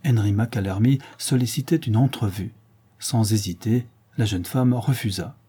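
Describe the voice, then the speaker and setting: Male narrator, audiobook, measured, husky, lowish pitch. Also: dark tone. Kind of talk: audiobook reading.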